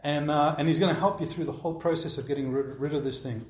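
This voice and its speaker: Conversational pastor in a roomy room. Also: male voice, on the high side, steady tone, quick pace, darkish tone. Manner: conversational, keeps checking in with "all right?". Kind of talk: sermon answering congregation questions. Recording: roomy echo.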